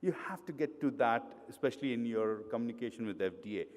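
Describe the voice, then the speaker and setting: In a hotel conference hall with long reverb, a middle-aged Indian-accented speaker presents conversationally, using fillers and restarts. He talks fast with lively intonation, in a medium-pitched voice of darkish tone.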